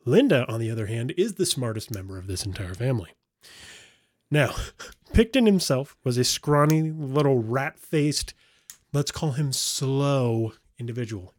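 A man hosting a casual podcast chat in an everyday mid-pitched voice. He jokes, swears and laughs often as he tells the story. The sound is dry and close. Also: lively intonation, measured pace, darkish tone, no room sound. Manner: joking and profane, laughing often. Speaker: podcast host.

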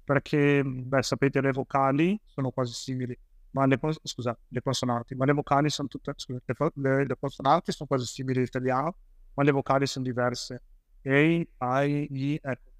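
A man's voice: mid-range voice, little pitch movement, fairly quick, no echo, studio quality. A man from Italy, a police officer, telling his story as an interview guest in a rambling way with many fillers and restarts.

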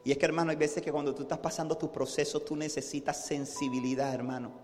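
A man preaches a sermon in a church, spinning stories and slipping into the voices of the people in them before he climbs into loud, fervent calls. His voice sits a little high, and it rings with a long hall reverb. Soft music plays beneath him. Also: flat delivery, fast talker. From from a city. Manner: storytelling preacher, acts out voices, builds to shouting. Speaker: pastor.

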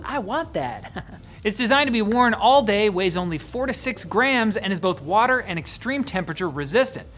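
Tech news host, jokey and snarky, voice jumps all over the place, loud then quiet. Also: medium pitch. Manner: lively, sarcastic, swings from loud to hushed.

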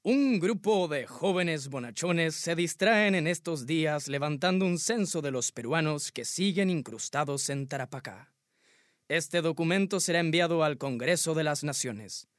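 A man reads an old newspaper text aloud, deliberately and with a sardonic edge. His voice sits a bit high for a man. The sound is dry and close. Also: lively intonation, no room sound. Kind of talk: reading aloud.

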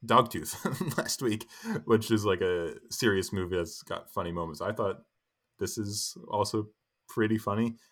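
A man's voice: fairly low pitch, unhurried. A young man co-hosting a podcast, chatting casually about a film with lots of fillers and restarts. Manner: rambling, many fillers and restarts. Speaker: podcast co-host.

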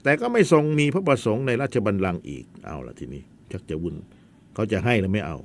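A man's voice: fairly low pitch, huge pitch swings, fast talker. A man teaching a history lesson in a chatty storytelling way, with asides to his students.

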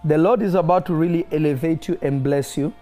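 A man speaks in a declaring prophetic manner, with a somewhat high pitch and a warm, relaxed timbre. He keeps pressing whether the listener is following. Faint music plays beneath his words. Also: fairly quick. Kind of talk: prophetic ministry over a phone call.

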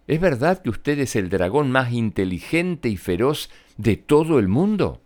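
A man voicing a brave, determined young princess in a children's storybook reading, with an excited, cunning manner. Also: medium pitch, unhurried.

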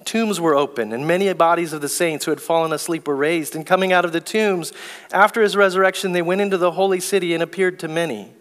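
High-voiced male pastor in echoing church. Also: a bit bright. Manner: slow, deliberate preaching, reads scripture aloud. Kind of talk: sermon. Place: church sanctuary.

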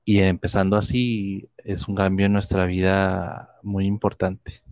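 A man talks in a fairly low, flat-toned voice. He reflects on faith conversationally, explaining patiently through everyday examples. The recording is dry and slightly dull. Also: unhurried, dry recording. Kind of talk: casual religious reflection in conversation.

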